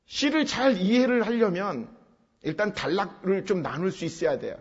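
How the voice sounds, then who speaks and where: A man's voice: sits high, sing-song, normal speed, husky. A man preaching an expository sermon, explaining step by step and driving points home with emphatic repetition. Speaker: pastor. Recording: dull sound with long hall reverb.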